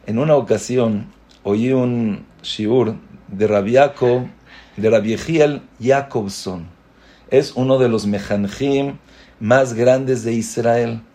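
A man earnestly gives a spoken Torah lesson in a slow, dark-toned voice. He poses rhetorical questions, repeats words for emphasis, and rises to emphatic high peaks on key points.

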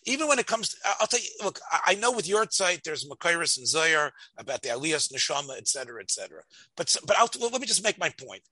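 Man, sharp bright tone, emphatic debating, stop-and-start phrasing, close dry sound. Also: on the high side, big pitch swings, no echo. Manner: argumentative, emphatic, halting with repeated words. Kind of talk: religious debate, conversational.

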